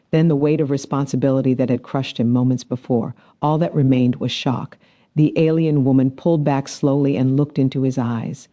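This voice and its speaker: A man narrating a science fiction story in a measured, dramatic storytelling manner. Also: medium pitch, mellow. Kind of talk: scripted narration.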